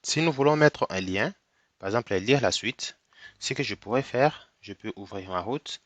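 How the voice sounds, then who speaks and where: The recording is dry with the highs cut off, carrying a lowish, expressive, slightly bright male voice. He's a programming tutor with a cold, slowly explaining code step by step in a screen recording and frequently checking in with "ok?".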